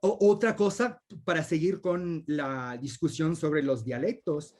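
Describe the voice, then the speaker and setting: A man's voice: fairly high pitch, unhurried, darkish tone. A man, the guest speaker, answering audience questions in an academic discussion over a video call and explaining thoughtfully with many examples.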